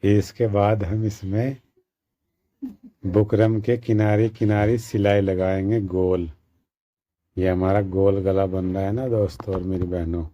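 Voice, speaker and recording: A man with a slightly sore throat gives a slow, repetitive step-by-step sewing tutorial as a tailoring instructor. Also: low voice, little pitch movement, muffled recording. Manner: slow, repetitive instructions addressing viewers as friends.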